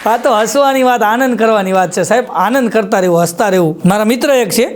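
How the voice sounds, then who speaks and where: On stage, a folk comedian with a Kathiyawadi Gujarati accent tells jokes at a quick pace in a high-pitched voice. He slips into many quoted voices and repeats his punchlines during this live stand-up set.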